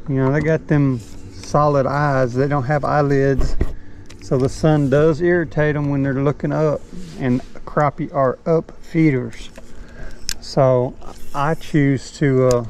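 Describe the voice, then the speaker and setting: Out on a shaded swamp in a small boat, a middle-aged fishing vlogger talks in a relaxed, folksy way as he fishes. His voice is mid-range and darkish, recorded by a head-mounted action camera, with faint outdoor noise.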